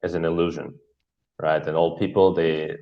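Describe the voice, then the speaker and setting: Speaking as a guest on a video call, this Kazakh man with Russian as his first language makes casual talk in a halting, philosophical way, full of fillers. His very deep voice barely moves in pitch and runs at normal speed, with slight background noise over dull lo-fi call audio.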